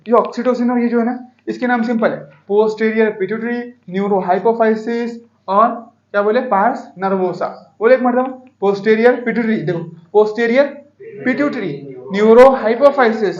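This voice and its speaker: At a moderate pace, a high-voiced male teacher gives a biology class in Hindi, again and again prompting students to call out responses. The sound is reverberant and dull.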